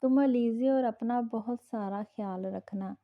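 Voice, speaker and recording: A woman voicing a gentle, affectionate older father reassuring his son. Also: on the high side, a little slow, narrow, tinny audio.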